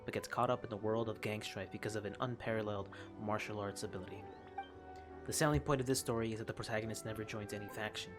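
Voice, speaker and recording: With a mid-range voice, a game streamer offers casual, expressive commentary and informally reads on-screen text aloud. Game music plays in the background.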